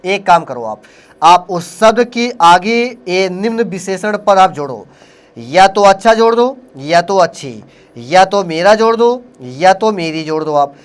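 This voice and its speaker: A man's voice: sits high, lively intonation, measured pace. A man from Uttar Pradesh teaching Hindi grammar for an exam, speaking with a Hindi accent. He keeps asking quiz questions and then answers them himself. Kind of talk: exam-prep lesson.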